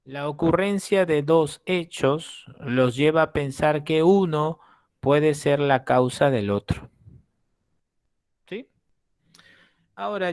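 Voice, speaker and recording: A man's voice: fairly high pitch, a little mellow. A man teaching an exam-prep lesson, explaining with acted examples and checking in often with the class.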